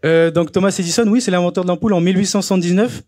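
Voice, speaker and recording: With a high, slightly mellow voice and a rapid-fire pace, the young host presents to a live audience at a talk event. He keeps it chatty and casual but hesitant, with plenty of fillers. The audio is studio quality, free of room sound.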